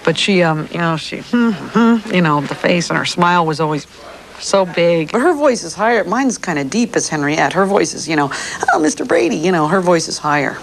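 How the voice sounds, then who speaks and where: A woman's voice: lowish voice, expressive, normal speed, a little hiss or hum, poor audio. A woman in a casual interview, speaking hesitantly and searching for her words. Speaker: actress interviewed.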